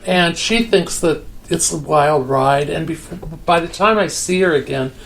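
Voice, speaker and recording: A woman's voice: sits low, moderate pace, slight background noise. An older woman being interviewed, telling a story candidly and acting out the quoted dialogue. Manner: animated, acts out quoted dialogue.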